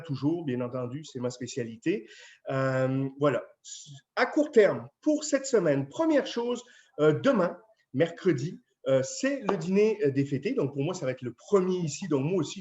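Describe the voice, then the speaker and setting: A chatty French-accented man gives a casual talk as a chef, stopping often on small fillers. His voice sits high for a man. The sound is dull and lo-fi. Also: a little mellow. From France. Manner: chatty, friendly, with many fillers. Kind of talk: casual address to residents.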